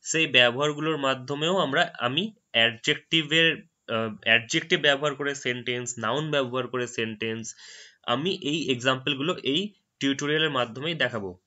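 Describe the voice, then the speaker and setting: A man whose first language is Bengali talks through an English vocabulary lesson over a screen recording, patient and methodical. He often slows right down to repeat a word. His voice is bright and forward, and the recording sounds a little dull and lo-fi. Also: mid-range voice. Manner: explains patiently, repeats words slowly after a dictionary audio. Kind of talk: screen-recorded tutorial narration.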